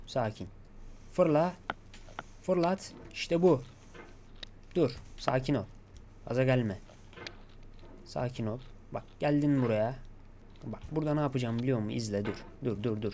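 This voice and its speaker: Casting: male gaming YouTuber, mid-pitched, self-coaching play-by-play, faint background noise. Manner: talks to himself, coaxing and urging himself to stay calm. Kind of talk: gameplay commentary.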